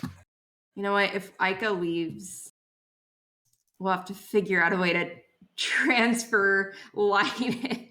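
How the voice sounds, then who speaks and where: A woman's voice: medium pitch, fairly even intonation, slow pace, pauses often, sharp tone. A woman chatting casually as a player in a tabletop game. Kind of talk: casual chat.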